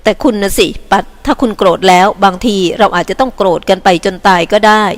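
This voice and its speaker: A woman's voice: medium pitch, quick pace, close to an everyday voice. A woman reading the part of an upright young man in an audiobook, speaking earnestly and seriously.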